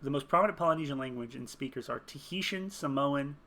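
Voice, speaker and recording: A man's voice: medium pitch, quick pace, bright, forceful tone, a little hiss or hum. A man thinking aloud as he builds a game character, rambling, muttering and chuckling at his own jokes while he types. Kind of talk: casual thinking aloud while searching online.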